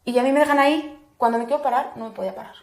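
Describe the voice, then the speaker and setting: Her voice is high and racing as she, a doula and interview guest, relates something she lived through. Animated, she raises her voice to perform other people's words, and the sound carries a roomy echo.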